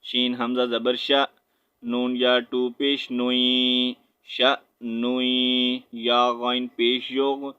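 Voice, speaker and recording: A man with a Pakistani Urdu accent teaching Quran recitation, spelling out letters and vowel marks, then reciting slowly and drawn out, with quick low explanations. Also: completely flat delivery, clean tone, highs cut off. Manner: explains quickly in a low aside, often asking "right?".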